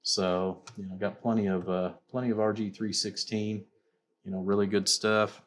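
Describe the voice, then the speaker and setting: Speaking at normal speed in a fairly low, level voice, a man shows off amplifiers he builds and sells. The demonstration is informal and wandering, peppered with repeated fillers like "you know" and "like I said."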